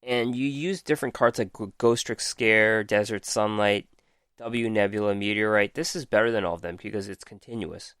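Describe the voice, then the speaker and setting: A man's voice: lowish voice, normal speed, a bit bright, smooth, no echo, studio quality. A man hosting a podcast, methodically reading out card text and reviewing it with frequent ums while losing his voice. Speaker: podcast host. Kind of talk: casual card game review.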